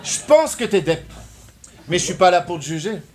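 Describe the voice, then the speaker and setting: Give me a French man with a very high voice, loudly taunting his opponent in battle verses. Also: very animated, moderate pace, a loud crowd, heavy background noise. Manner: mocking, loud taunting delivery. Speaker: battle rapper. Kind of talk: a cappella rap battle verses.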